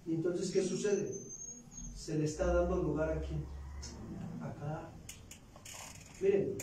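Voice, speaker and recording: Mexican preacher in an echoey church. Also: male voice, on the high side, steady tone, slow pace, dark tone, slight background noise. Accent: Mexican Spanish. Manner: conversational preaching with rhetorical questions. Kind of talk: sermon. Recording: very echoey church room, voice from far off.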